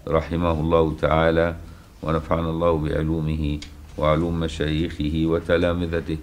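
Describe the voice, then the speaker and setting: Deep-voiced Egyptian man teaching a religious lesson. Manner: checks understanding with rhetorical questions; recites quoted verses slowly and deliberately.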